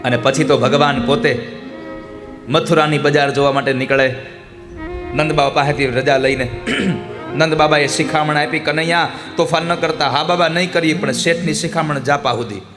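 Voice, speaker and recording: A man tells a devotional folk tale with animated flair. His voice sits a little high and slips into the characters as he quotes them. Instrumental music plays clearly behind him. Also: normal speed. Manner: animated, acts out characters' lines. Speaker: storyteller.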